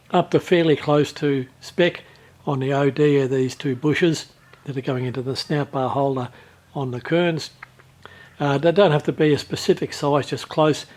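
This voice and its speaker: A man giving casual, chatty workshop commentary in a shed, with machine noise behind him. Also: medium pitch. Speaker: host of a home machining workshop channel. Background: loud running machine tool.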